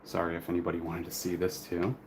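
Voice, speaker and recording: A man's voice: deep voice, monotone, quick pace. A man hosting a casual, unscripted live stream, talking in a rambling, apologetic way as he works with his hands. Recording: clear noise, crinkling plastic and paper. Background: crinkling bags and paper rustle.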